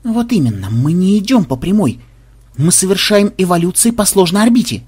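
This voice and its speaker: A man voicing a brash, cunning male warlock programmer who talks loudly and excitedly, often yelling, in an audiobook. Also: high-pitched, brisk, breathy edge, voice pushed up, heavily acted. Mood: scheming.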